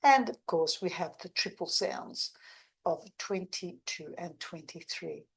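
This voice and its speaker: A woman with an Australian accent teaching pronunciation, modeling single sounds and words in slow, exaggerated speech. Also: lowish voice, expressive, vocal fry, husky. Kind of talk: English pronunciation lesson.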